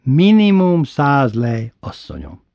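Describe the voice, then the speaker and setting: A man voicing an angry red-haired grown man who shouts and demands payment, as a storyteller puts him on. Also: medium pitch, wildly swooping pitch, dry recording, studio quality, voice pushed up. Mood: demanding. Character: furious sweaty red-haired man, middle-aged.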